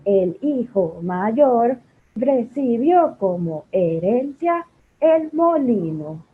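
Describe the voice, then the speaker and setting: A woman putting on a monotone robot voice, reading a fairy tale slowly and mechanically in a voice class. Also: a little high, slightly rough, voice pushed down, heavily acted. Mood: robotic. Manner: slow, flat, mechanical reading. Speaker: voice acting student. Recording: tinny phone-like audio.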